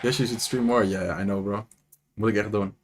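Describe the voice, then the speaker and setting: Over background noise, a young man with a Dutch accent talks briskly in a fairly low voice. He's a streamer and content creator, chatty and animated, commenting on matches while reading and replying to his live chat.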